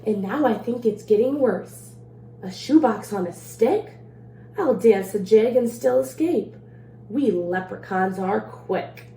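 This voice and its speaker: A woman's voice: medium pitch, slow pace, warm tone. A woman voicing a boastful, mischievous old male leprechaun in a rhyming picture-book read-aloud, teasing and playful, in a roomy space. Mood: cocky. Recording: roomy echo, faint background noise.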